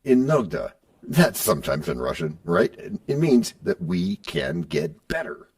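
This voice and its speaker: A man's voice: fairly high pitch, huge pitch swings, unhurried, vocal fry, a little mellow, breathy edge. A middle-aged man hosting a podcast, playfully bantering with himself in a scripted back-and-forth, recorded on a distant mic. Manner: playful, switching between his own voice and a sidekick. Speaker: podcast host.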